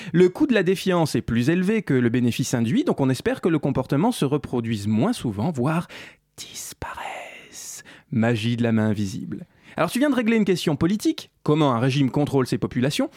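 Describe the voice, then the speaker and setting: A man's voice: on the high side, warm tone, no echo, studio quality. A man hosting a sarcastic commentary video essay, speaking ironically and addressing the listener directly. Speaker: host.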